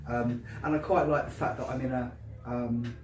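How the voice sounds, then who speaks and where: A poet with a South London Cockney accent gives a live reading, opening with a chatty, filler-laden introduction before a rhythmic, emphatic recitation. His mid-range voice holds a steady tone at a moderate pace, captured in a roomy, distant, noisy live venue.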